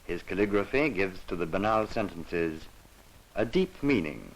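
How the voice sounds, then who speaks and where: A documentary narrator with a very deep voice narrates an educational film in 1950s style, solemn and measured yet animated, his pitch moving expressively through each phrase. The archival soundtrack is low quality and carries some background noise.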